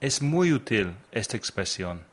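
This podcast host and language teacher runs an unhurried English vocabulary lesson with drills, patiently getting the listener to echo words after him. His voice is lowish, with big swings in pitch.

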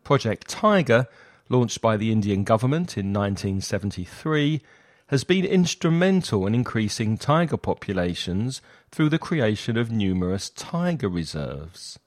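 Guy doing nature documentary narration, really varied pitch, dry close sound. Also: sing-song, moderate pace, no room sound.

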